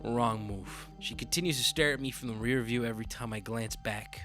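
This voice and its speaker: A man's voice: medium pitch, brisk, over music. A man narrating a story in a conversational, offhand manner with sudden upward swoops. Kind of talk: reading a story aloud.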